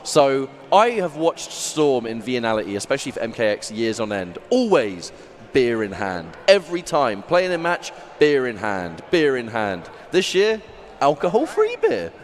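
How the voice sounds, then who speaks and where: A man commentating live on a fighting game, excitable and quick to exclaim. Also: medium pitch. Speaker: esports commentator. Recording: loud music behind, live venue. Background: music and event venue sound.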